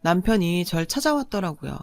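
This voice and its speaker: A woman's voice: fairly low pitch, sing-song, a little fast, a little mellow, no echo. A woman narrating a radio drama in the first person, in an indignant, confiding way.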